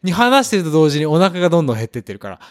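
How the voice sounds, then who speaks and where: A man hosting a podcast in casual chat, animated and playful with quick teasing replies. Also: fairly high pitch. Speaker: podcast host.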